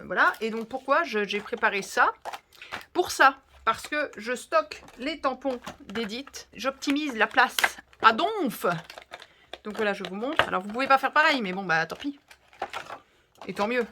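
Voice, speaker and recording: A woman's voice: fairly high pitch, pushed and bright, slight background noise. A woman hosting a casual crafting vlog, gushing and chatting directly to her viewers. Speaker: crafting video host.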